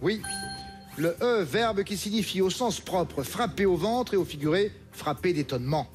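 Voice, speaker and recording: A man hosting a TV quiz show in a studio, reading questions briskly and crisply. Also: high voice, lively intonation, soft background music.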